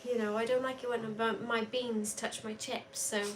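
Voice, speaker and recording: A woman's voice: fairly high pitch, level tone, moderate pace, slight background noise. A woman co-hosting a live stream, chatting casually and speaking her mind. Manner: frank, opinionated. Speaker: co-host.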